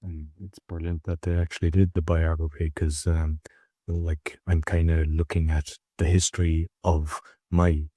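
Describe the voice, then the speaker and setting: Low-voiced casual podcast host. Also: male voice, level tone, a little slow, warm tone, husky, no room sound, studio quality. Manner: loose, conversational, leans on filler words. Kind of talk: casual interview chat.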